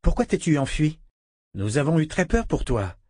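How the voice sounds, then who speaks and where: A man voicing a calm, protective young woman who speaks firmly, in an audiobook reading. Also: a little high, moderate pace, dry recording, clean studio sound, pitched above the performer's own voice.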